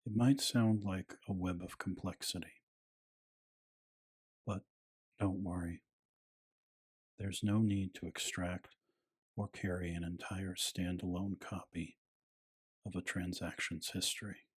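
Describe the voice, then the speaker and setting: A man narrating a scripted bedtime piece in a hushed, soothing, soft-spoken ASMR style with a breathy voice. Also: low-pitched, flat delivery, takes it slowly, pauses often.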